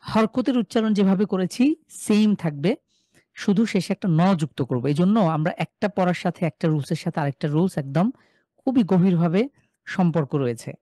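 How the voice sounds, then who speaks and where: Guy teaching tajweed online, slow patient drills, mellow dry voice. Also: high voice, dry recording. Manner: patient, repeats syllable drills slowly; addresses students by name, reads chat replies. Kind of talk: live online class lesson.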